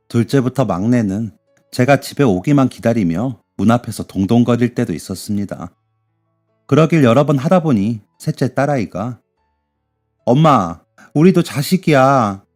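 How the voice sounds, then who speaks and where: A man reading a listener's sad life story aloud in the first person, in a steady, mournful way. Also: mid-range voice.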